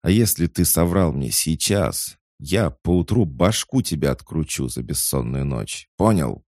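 A man voicing an angry, sharp-tongued young woman mage who speaks in accusing, threatening tones. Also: very deep voice, expressive, a little slow, no room sound, clean studio sound, voice pushed up, exaggerated voice.

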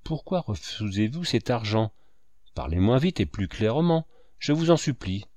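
A man's voice: on the low side, big pitch swings, moderate pace, darkish tone, no room sound. Man voicing a timid pleading man. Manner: pleading, thin-voiced.

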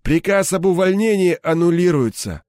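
A man voicing a hard, commanding gang leader with a hoarse, curt delivery. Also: sits high, animated, normal speed, darkish tone, dry recording, studio quality, pitched above the performer's own voice. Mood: gruff. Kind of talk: audiobook character voice.

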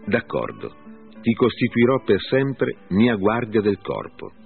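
A man's voice: fairly low pitch, very animated, a little slow, creaky, pitched above the performer's own voice, exaggerated voice. A man voicing a commanding foreign king, in a firm plain reading. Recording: phone-like lo-fi with faint music.

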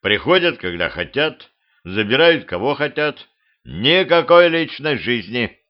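A man voicing a gruff older watchman who grumbles in an exasperated way. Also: medium pitch, very animated, a little slow, voice pushed up. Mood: grumbling. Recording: dull lo-fi home recording.

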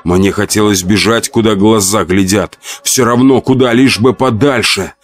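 A man reading a first-person horror story aloud, expressive and dramatic. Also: on the low side, normal speed, dry recording. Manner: expressive, acts out shouts and laments. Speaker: audiobook narrator.

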